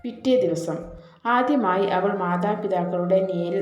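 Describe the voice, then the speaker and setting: Woman, storyteller, gentle narration, warm low tone, roomy echo. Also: measured pace, muffled recording. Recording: echoey room, soft background music.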